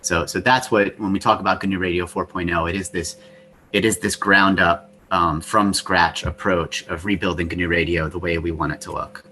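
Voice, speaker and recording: A man's voice: low-pitched, fairly even intonation, moderate pace. A man giving a technical talk on a video call through a laptop mic next to its whirring cooling fans, explaining with frequent restarts. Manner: explanatory, restarts often with "you know". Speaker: software developer presenting. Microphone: laptop built-in mic next to the cooling fans. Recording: laptop fan noise under the voice.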